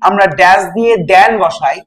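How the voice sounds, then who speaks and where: A man's voice: sits high, normal speed, a crowd in the background, rough recording. A man teaching an English grammar lesson step by step, patiently repeating and spelling out words and answering his own questions.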